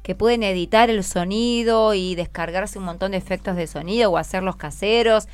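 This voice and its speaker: Her voice is medium in pitch and clean in tone, moving at a moderate pace. She's a radio host with an Argentine accent, chatting casually and effusively in the studio to encourage the schoolchildren she's interviewing.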